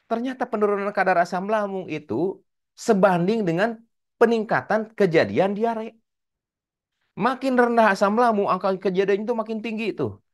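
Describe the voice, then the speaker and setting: A man in his forties with a Sundanese accent, giving an animated religious study lecture and addressing the audience directly. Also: high voice, moderate pace. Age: 40s. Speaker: speaker at a religious study session.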